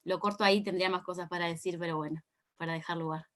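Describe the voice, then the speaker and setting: A woman's voice: lowish voice, steady tone, fast talker. A young woman from Uruguay with a Uruguayan Spanish accent, speaking as a party activist on an online panel in an earnest way, with frequent restarts. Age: young adult. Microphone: video call.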